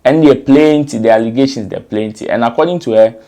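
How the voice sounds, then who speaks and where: A man's voice: medium pitch, quick pace, warm tone. A man hosting a commentary show, reading out a news story and quotes in an explanatory way, with fillers and restarts.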